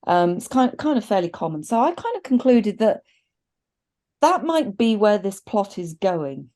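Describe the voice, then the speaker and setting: A middle-aged woman, co-host of a film review podcast, chats casually on a video call from a desk indoors against a virtual backdrop. Her mid-range, mellow voice is sing-song at a moderate pace, and she speaks thoughtfully, hedging in a conversational way.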